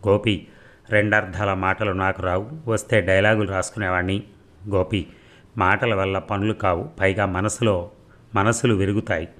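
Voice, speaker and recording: A man voicing a scheming, smooth-talking business partner who mocks the people he has cheated, in a cool, unhurried manner. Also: low-pitched, fairly even intonation, fairly bright tone. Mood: mocking.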